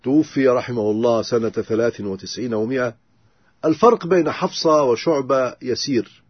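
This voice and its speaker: A man lectures methodically on Quran readings, stopping now and then on a filler sound. His voice is husky and dry, with no room sound around it. The recording is a little dull. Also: mid-range voice, fairly quick, no room sound. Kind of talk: explanatory lecture.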